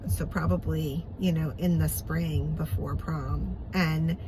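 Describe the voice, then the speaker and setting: A woman from Long Island with a Long Island accent, rambling warmly through a video message to a friend with many pauses and fillers. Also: sits low, fairly even intonation, background noise. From Long Island, New York.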